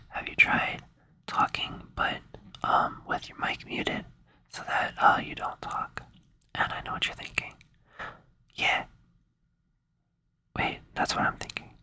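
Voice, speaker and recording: Here an ASMR creator murmurs in a breathy, near-mic whisper, meandering sleepily and hesitantly with a playful, calming manner. Her tone comes across as bright and forceful.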